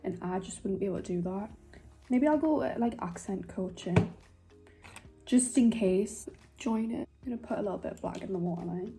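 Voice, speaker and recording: A woman's voice: mid-range voice, moderate pace, dark tone, soft background music. A young woman with a Geordie accent chatting in a rambling, self-mocking way while doing her makeup for a vlog. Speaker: beauty vlogger.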